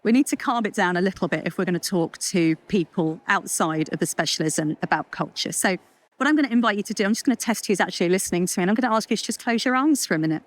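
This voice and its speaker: A woman giving a chatty, lively conference talk, full of jokes and asides. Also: medium pitch, fast. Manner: lively, chatty, self-deprecating with puns and asides. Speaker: culture consultant speaker. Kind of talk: conference talk to a live audience.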